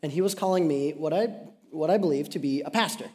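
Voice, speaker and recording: A young man from Ohio delivers a Sunday sermon from a church stage. His voice sits fairly high, and he talks in an easygoing, conversational way, full of fillers and jokes at his own expense. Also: quick pace, dark tone, in a large hall. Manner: casual, chatty, self-deprecating, many fillers. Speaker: pastor.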